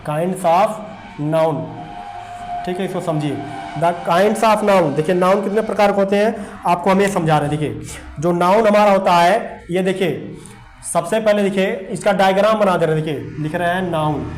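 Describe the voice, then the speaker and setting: A male teacher with a high-pitched voice gives a grammar lesson at a whiteboard at normal speed, faint music behind him. He spells words letter by letter and keeps checking in with the class, repeating "देखिए" and "ठीक ना". The room is echoey with faint background noise.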